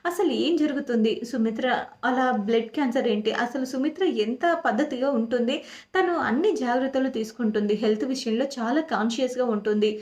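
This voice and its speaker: A woman's voice: a little high, brisk, a little mellow, lightly acted. A woman voicing a shaken older father-in-law in a TV serial recap, insistently asking what is wrong. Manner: insistent, bewildered questioning. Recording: echoey room.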